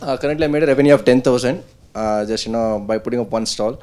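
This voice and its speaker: A man from Bangalore with a Kannadiga South Indian accent, a native Kannada speaker, casually introducing and pitching his small business. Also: racing, a little mellow.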